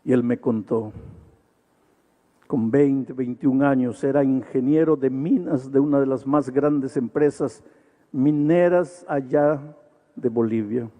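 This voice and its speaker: A male pastor preaching an evangelistic sermon, telling a story with sudden high emphatic peaks and repetitive lists. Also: fairly even intonation, takes it slowly, mellow.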